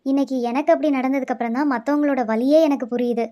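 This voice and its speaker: Someone doing a whiny high-pitched schoolkid. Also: fairly even intonation, fast talker, natural voice. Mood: remorseful. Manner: whiny and emotional, bright and loud. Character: selfish schoolkid Jess who learns to share. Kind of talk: kids puppet show acting.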